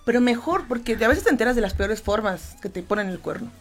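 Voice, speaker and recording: A woman's voice: a little high, expressive, quick pace. A woman co-hosting a casual radio chat show, throwing in playful jokes and asides. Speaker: radio co-host.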